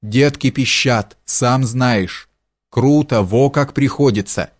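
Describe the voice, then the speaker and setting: A man reading an audiobook, voicing a poor peasant man who pleads slowly and then curses in fury. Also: medium pitch. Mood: pleading.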